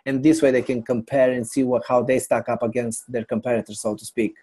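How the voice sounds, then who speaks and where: A middle-aged man from Bulgaria, a company founder explaining his business as a podcast guest in a measured way. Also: mid-range voice, flat delivery, mellow, husky. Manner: measured, explanatory, lists items. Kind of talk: business interview.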